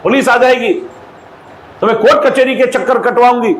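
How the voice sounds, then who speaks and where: A man's voice: extremely high pitch, brisk, echoey room, a little hiss or hum. A male preacher voicing an educated woman scolding a passenger on a train, in a sermon joke.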